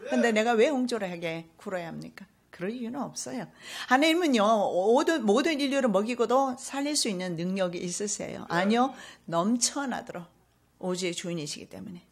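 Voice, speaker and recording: A middle-aged woman pastor delivering a sermon in an earnest preaching manner, with slow stressed phrases that rise to fervent exhortation. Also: mid-range voice, expressive.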